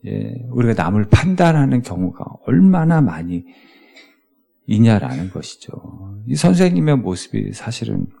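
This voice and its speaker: A male pastor delivers a sermon in a relaxed, conversational way and keeps putting questions to his listeners. His voice is low and mellow with a gravelly edge, and its pitch swings widely. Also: normal speed. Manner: conversational, asks the congregation rhetorical questions.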